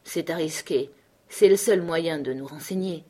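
A gruff, self-assured dog driver lays out his view with steady emphasis, as a woman reading aloud puts him on. It's an audiobook reading, the man slightly higher and louder than the narration around him. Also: measured pace. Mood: insistent. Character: male sled-dog driver, blunt, confident.

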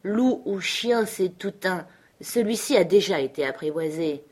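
A woman's voice: lowish voice, expressive, unhurried, a little mellow, husky. A woman reading the part of a blunt, confident male sled-dog driver in an audiobook, speaking emphatically. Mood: assertive.

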